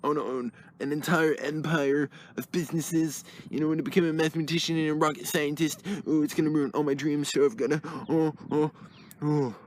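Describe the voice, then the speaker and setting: Breathless panicky plush toy, voiced by a man, rambles fast and high. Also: fairly even intonation, a little hiss or hum, close to an everyday voice. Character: Cuddly, nervous ambitious yellow plush toy. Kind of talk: plush toy puppet skit.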